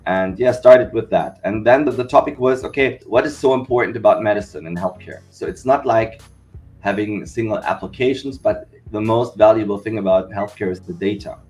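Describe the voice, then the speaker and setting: A man's voice: fairly low pitch, moderate pace, soft background music. German man explaining his startup. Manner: steady explanatory, repeats "we said okay". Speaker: guest, company founder. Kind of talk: podcast interview.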